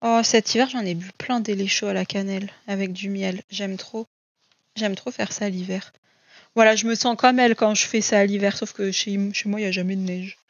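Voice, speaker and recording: Brief: a chatty woman gushing over her books, mid-pitched voice, close dull home recording. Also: steady tone, normal speed, dry recording. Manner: chatty and gushing, frequent "euh" and repeats. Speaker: coloring book vlogger. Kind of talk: casual chat showing books.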